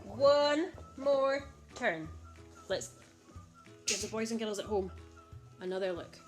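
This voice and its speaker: A woman's voice: mid-range voice, expressive, takes it slowly, music in the background. A woman presenting a children's game like an overbright party host, encouraging and exaggeratedly enthusiastic. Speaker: children's holiday club host.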